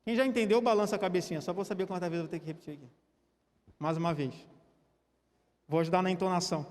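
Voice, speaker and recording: Man, Brazilian accent, preacher, animated sermon, high-pitched, long church reverb. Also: quick pace. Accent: Brazilian Portuguese. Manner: animated, engages the congregation with a staged demonstration. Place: church hall.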